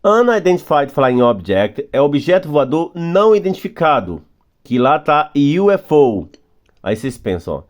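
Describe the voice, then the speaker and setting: A man with a Brazilian Portuguese accent, teaching a recorded English grammar lesson for beginners and patiently repeating words slowly. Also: on the high side, big pitch swings.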